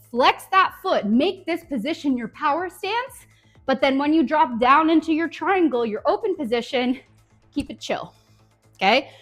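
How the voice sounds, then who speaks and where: A woman's voice: on the high side, fairly bright tone. A woman teaching a dance tutorial in an upbeat coaching manner, counting beats aloud. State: out of breath at times. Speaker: dance instructor.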